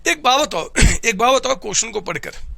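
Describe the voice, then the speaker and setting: Loud high-voiced male teacher, sore throat. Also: normal speed, gravelly, no echo. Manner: loud, energetic, often shouting to motivate students; keeps asking students questions. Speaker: commerce teacher. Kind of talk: classroom lecture.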